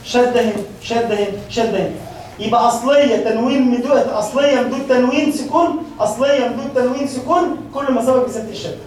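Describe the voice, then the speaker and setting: A woman's voice: fairly high pitch, fast, a little mellow, a little hiss or hum. A woman with an Egyptian accent teaching a Quran class. She keeps checking in with her students as she talks. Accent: Egyptian Arabic. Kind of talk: classroom lecture. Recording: very echoey hall, distant mic.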